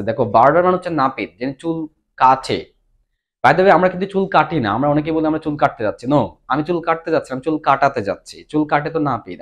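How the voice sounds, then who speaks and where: A man with a Bangladeshi accent giving an exam-prep English lesson, explaining step by step and mixing English terms into his talk. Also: fairly high pitch. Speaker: English teacher.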